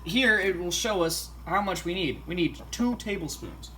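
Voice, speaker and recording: A man's voice: high-pitched, animated, moderate pace, bright, forceful tone, slight background noise. A man hosting a goofy home cooking tutorial, reading recipe steps aloud and making up silly facts. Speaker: cooking show host. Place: home kitchen.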